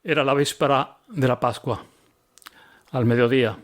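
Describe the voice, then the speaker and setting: A man who teaches the Bible, reading his book aloud with commentary, expressive and with occasional slips. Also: medium pitch, normal speed.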